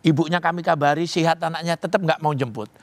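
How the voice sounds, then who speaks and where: A man's voice: on the high side, fairly even intonation, fast, dry recording. A man, a police officer from Java, telling earnest stories. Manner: earnest storytelling, often addresses the interviewer directly. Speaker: police officer running a rehabilitation home.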